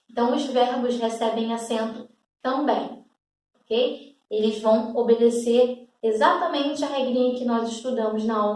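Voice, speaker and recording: A woman teacher explains a grammar rule to schoolchildren one step at a time. She checks in often to make sure they follow. Her fairly high voice sits back from the mic in a strongly echoing room. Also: distant mic. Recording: echoey room, away from the mic.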